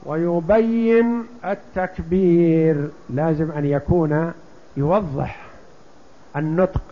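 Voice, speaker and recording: An older man explaining a religious text, slowly and deliberately, asking rhetorical questions. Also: fairly high pitch. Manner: slow, deliberate, drawn-out examples, rhetorical questions. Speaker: sheikh teaching a fiqh text. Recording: dull lo-fi lecture recording.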